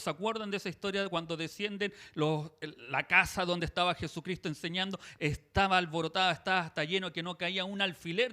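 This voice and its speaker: Chilean male pastor, high voice, fervent sermon delivery with frequent amens. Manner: fervent preaching with frequent amens, drops soft for quoted words.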